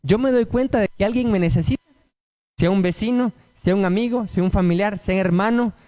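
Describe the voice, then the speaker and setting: A man's voice: high voice, a little fast, mellow. A man preaching a sermon, emphatic and asking the congregation rhetorical questions.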